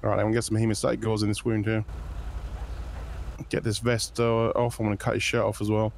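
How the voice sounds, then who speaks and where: Fast-talking, gravelly male gamer improvising a first responder, casual delivery. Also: lowish voice, completely flat delivery, slight background noise. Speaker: role-player as first responder. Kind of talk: casual improvised game role-play.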